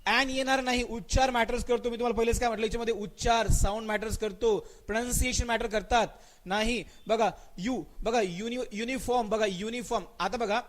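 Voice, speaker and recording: A man with a fairly high voice and a Marathi accent runs a live online grammar class. He quizzes students by name, answers his own questions and repeats them, and slows right down to spell out English example sentences. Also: steady tone. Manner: mixes English words into his speech, stretches out spoken example sentences.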